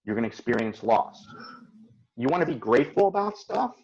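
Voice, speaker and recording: A man's voice: mid-range voice, very animated, fairly quick, vocal fry, darkish tone, muffled recording. A man hosting a motivational call, talking in an earnest, reflective way and acting out his own inner voice. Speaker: host and coach. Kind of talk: casual motivational talk on a call.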